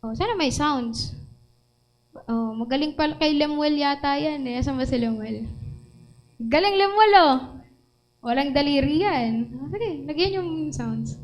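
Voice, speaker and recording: A high-pitched woman with a Filipino accent preaches in a church. She moves between Tagalog and English, animated, and keeps asking her listeners questions. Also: a little slow, long pauses, low-quality recording. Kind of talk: sermon.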